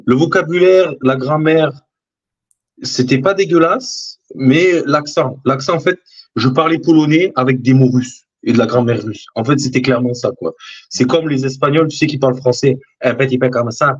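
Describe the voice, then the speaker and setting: A man's voice: mid-range voice, normal speed, slightly rough. Hesitant man on a dull video call. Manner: hesitant, many fillers and restarts. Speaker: guest. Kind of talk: casual chat.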